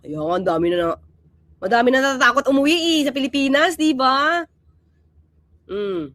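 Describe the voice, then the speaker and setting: On her casual political vlog, a woman comments emphatically and animatedly, her volume rising and falling as she keeps asking "di ba?" rhetorically. She speaks in a high-pitched voice at normal speed, with no echo.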